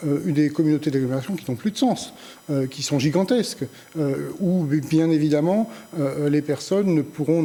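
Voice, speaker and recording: Man debating in a dark tone. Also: on the high side. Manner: argumentative, correcting the opponent's framing. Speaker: local party president debating. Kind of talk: televised political debate. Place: local TV studio.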